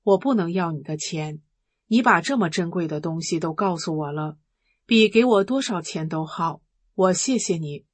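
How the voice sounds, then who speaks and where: A woman's voice: fairly low pitch, animated, normal speed, slightly rough, no room sound. A woman reading out the words of a tearful, grateful man in his seventies.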